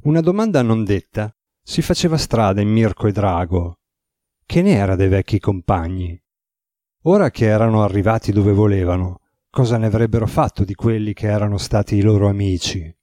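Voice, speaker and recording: A man reading a novel aloud as an audiobook narrator, in an even, measured way. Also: fairly low pitch, dry recording, clean studio sound.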